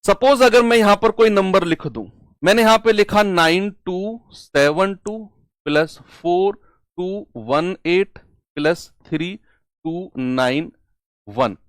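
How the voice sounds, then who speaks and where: A male maths teacher giving an online class lecture, slowly repeating key terms and asking and answering his own questions. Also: high voice, no echo, studio quality.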